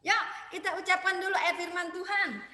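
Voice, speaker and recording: A woman preschool teacher tells a story to young children over a video call, full of exclamations and a sing-song lilt. Her voice is high and very bright. A long reverb hangs on her words, as in a big bare room. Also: steady tone, normal speed, slight background noise. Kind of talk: storytelling lesson for young children in an online class.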